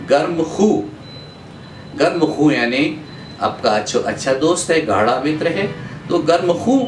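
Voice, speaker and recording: A man from India teaching an Urdu pronunciation lesson, going through words in a measured way, repeating each one and pausing on drawn-out "uh" fillers. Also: on the high side, recorded from a distance. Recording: echoey room, voice off-mic, faint background hum.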